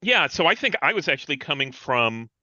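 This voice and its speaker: Male tabletop player, bright and crisp, curious, dry lo-fi call audio. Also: fairly high pitch, sing-song, a little fast, no echo. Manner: curious, asks about game rules. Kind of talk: tabletop roleplaying chat.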